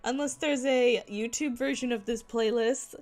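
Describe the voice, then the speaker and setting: Cute, high-pitched giggly woman streamer. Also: normal speed, faint music behind. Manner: giggly, frequently breaking into laughter; expressive, playfully dramatic. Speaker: VTuber live streamer. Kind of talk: casual chat stream.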